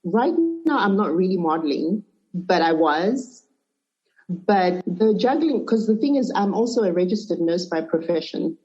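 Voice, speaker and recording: Relaxed Zambian-born woman with muffled audio. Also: on the low side, unhurried, faint music behind. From Zimbabwe and Zambia. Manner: relaxed, hesitant with small restarts. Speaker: podcast guest. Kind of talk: conversational interview answers. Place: remote call.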